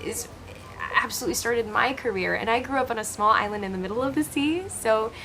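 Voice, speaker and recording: An actress in her twenties from Hawaii answers interview questions earnestly and expressively, restarting often. Her voice is fairly high and a little fast, and the rough recording has a little hiss or hum.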